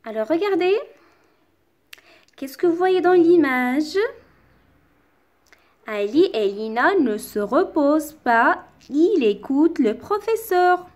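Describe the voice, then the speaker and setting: A woman teacher giving a lesson, reading short sentences aloud and slowly repeating words with careful articulation. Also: high voice, lively intonation, a little mellow. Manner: slow, articulated dictation-like delivery, repeating words. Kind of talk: slow, careful classroom reading and explanation.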